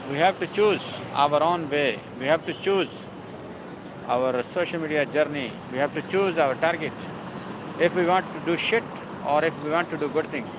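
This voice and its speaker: A man's voice: on the high side, noisy background. A man hosting a casual live stream, talking in a rambling, emphatic and repetitive way. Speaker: livestream host.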